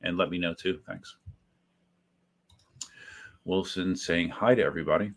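Speaking a little slowly in a deep, slightly bright voice, a man hosts a livestream after having a few drinks. He chats casually, rambling and correcting himself as he reads out viewers' messages and calls them by name.

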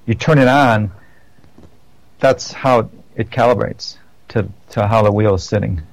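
A man's voice: lowish voice, measured pace, gravelly, no room sound, poor audio. Guy rambling on about his riding gear, restarts a lot, dry close mic. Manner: rambling, with many restarts and self-corrections. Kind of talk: casual chat.

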